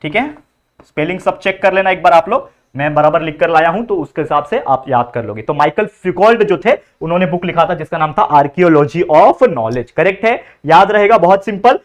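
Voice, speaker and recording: A man's voice: fairly high pitch, lively intonation, fairly quick. A young man tutoring students for an exam in a chatty way, repeating each answer so it sticks. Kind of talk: casual exam-prep lesson.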